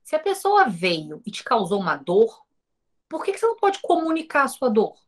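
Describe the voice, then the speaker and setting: A woman's voice: fairly high pitch, huge pitch swings, moderate pace. A Brazilian woman teaching an online course. She talks straight to her viewers, with rhetorical questions and quoted dialogue from her own stories. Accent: Brazilian Portuguese. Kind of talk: informal recorded lesson.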